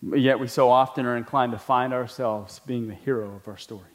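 A man preaching a sermon as pastor, talking conversationally with questions to the listeners, then climbing to emphatic peaks and dropping low. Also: steady tone, brisk. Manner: laughs between points, asks the congregation questions.

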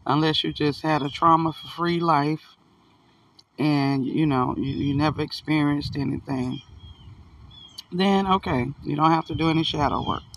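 A man's voice: a little high, unhurried, creaky, no echo, recorded from a distance, poor audio. A man giving a casual, earnest, folksy motivational chat outdoors, swearing now and then, his speech slightly impaired by a toothache. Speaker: spiritual self-help vlogger.

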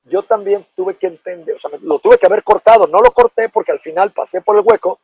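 This middle-aged ex-footballer's voice sits high and brisk, with vocal fry and a breathy edge, captured without echo in poor audio. Speaking with a Mexican Spanish accent, he shares an anecdote in an animated, casual style laced with profanity and slang.

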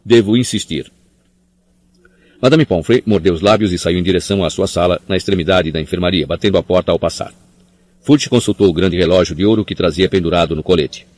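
A man narrating an audiobook in a steady storytelling read. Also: low-pitched, fast talker.

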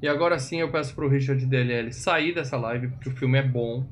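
A man's voice: mid-range voice, fairly quick, a little hiss or hum. A man co-hosting a casual film podcast, chatty and joking with wry asides. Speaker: podcast host.

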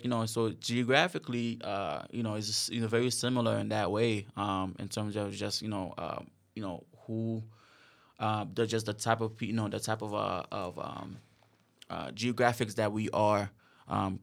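Hesitant male host, low gravelly voice. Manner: hesitant, many fillers. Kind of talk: casual interview.

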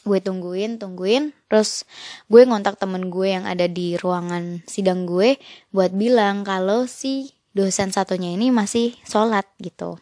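A woman's voice: medium pitch, a little slow, darkish tone, no room sound. Young female podcast host, chatty storyteller who acts out the dialogue, dry close recording. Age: young adult. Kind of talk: casual storytelling.

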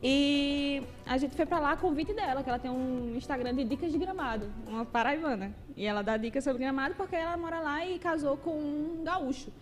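A woman with a Paraíba Northeastern Brazilian accent, chatting lively as a podcast guest and often laughing. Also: high voice, fairly quick, hardly any pauses, big-room sound, faint music behind. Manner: lively, laughing, imitates regional slang. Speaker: guest, page owner. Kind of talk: casual podcast chat.

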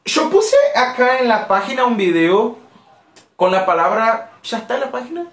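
Slow, lively teacher in a roomy space. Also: medium pitch. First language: Portuguese. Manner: patient, repeats phrases slowly for learners. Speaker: language teacher. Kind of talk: live online language lesson. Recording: roomy echo.

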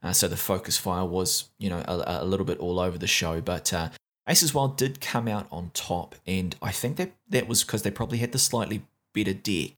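A man with a New Zealand accent casually recaps a competitive esports match, peppering it with fillers and restarts. His voice sits low, with a fairly bright tone at normal speed.

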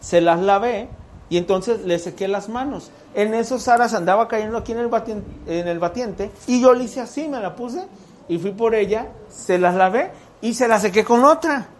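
A man's voice: high voice, normal speed, slight background noise. A man with a Mexican accent gives a casual church sermon, often asking his listeners questions. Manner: conversational, asks the listeners questions. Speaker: church speaker.

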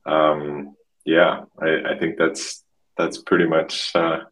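A man from Estonia in his thirties, a podcast guest talking casually and haltingly, often restarting and repeating words. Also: rumbling low, level tone, a bit bright, rough recording. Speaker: podcast guest, marketing expert. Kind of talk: casual interview conversation.

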